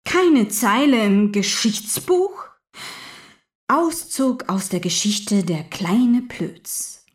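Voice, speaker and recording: An actress playing a bitter, unraveling young woman militant in jail, in a theatrical stage monologue that swings between hushed whispers and shouted outbursts. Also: a little high, animated, very slow. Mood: raging.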